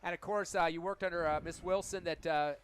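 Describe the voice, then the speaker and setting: Man, sports broadcaster, halftime interview host, folksy and joking, quick talker, faint stadium noise behind. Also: sits high, steady tone, fairly bright tone. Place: stadium press box.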